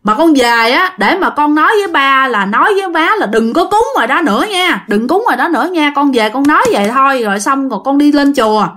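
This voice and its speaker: A woman's voice: high voice, animated, fast talker, hardly any pauses, fairly bright tone. A woman voicing the ghost of a grown son who speaks through his mother's body, urgent and pleading. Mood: earnest.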